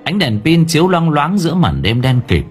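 A man narrating an audiobook in a dramatic, expressive manner. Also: a little high, moderate pace, faint music behind. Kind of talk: scripted narration.

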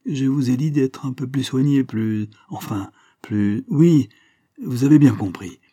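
A man's voice: mid-range voice, a little slow, dark tone, dry recording, clean studio sound, pitched above the performer's own voice, lightly acted. A man voicing a plump, scheming German businessman who talks brusquely and impatiently in an audiobook. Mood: scolding.

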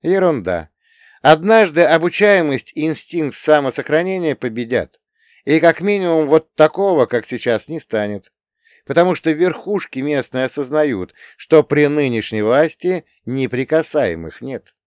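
A man narrating an audiobook in an expressive way, with lively intonation. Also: on the high side, unhurried, no echo, clean studio sound.

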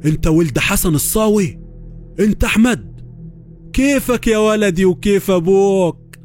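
A man's voice: mid-range voice, a little fast, faint music behind, natural voice. A man voicing a kindly old village man with an Upper Egyptian accent, hearty and sorrowful in an audio horror story. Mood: earnest. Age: older.

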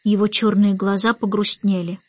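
A woman narrating a children's audiobook in an even, expressive storytelling voice. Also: medium pitch, normal speed, dry recording, highs cut off. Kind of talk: scripted narration.

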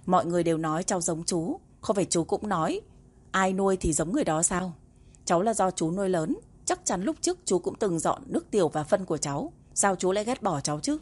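A woman narrator voicing a cheeky young female student who coaxes and flatters in an audiobook. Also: fairly low pitch, fast talker. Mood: playful. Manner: wheedling, playful.

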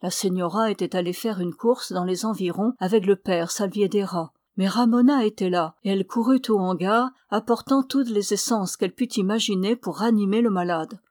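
A woman narrating a novel as an audiobook reader, in a steady, even storytelling read. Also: medium pitch, moderate pace, hardly any pauses, no room sound, clean studio sound. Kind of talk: scripted narration.

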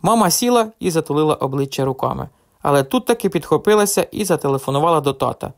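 A man's voice: on the high side, quick pace, creaky, no room sound, clean studio sound. A man narrating a children's novel as an audiobook, telling it expressively. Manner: expressive storytelling.

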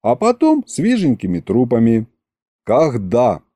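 Lively, wry male audiobook narrator. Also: medium pitch, unhurried, no room sound. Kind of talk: scripted narration.

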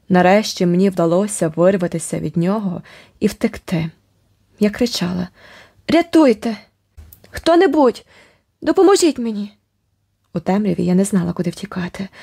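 A woman reads an audiobook aloud in the first person, in a mellow, somewhat low voice. Her delivery is expressive and dramatic and follows the tension of the story. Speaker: audiobook narrator.

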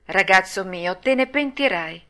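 A woman reading an audiobook and voicing a patient, motherly fairy who speaks calmly and slowly. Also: mid-range voice. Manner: calm, patient, slow. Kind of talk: audiobook read-aloud.

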